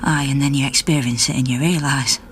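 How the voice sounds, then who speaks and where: An actress voices a middle-aged Yorkshire miner's wife, an indignant activist who tells her story conversationally and acts out the dialogue in a naturalistic radio drama. Her voice rumbles low with fairly even intonation, a little fast, in a reflective mood. There's slight background noise.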